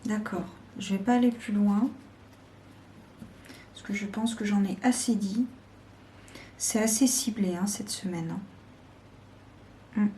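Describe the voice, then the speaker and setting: A woman reads tarot cards for the week ahead, speaking slowly and deliberately. Her voice is mellow and relaxed, at a middle pitch, and she pauses often to find her words. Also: a little hiss or hum. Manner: slow, deliberate, with hesitations. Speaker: tarot reader. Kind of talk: weekly tarot guidance.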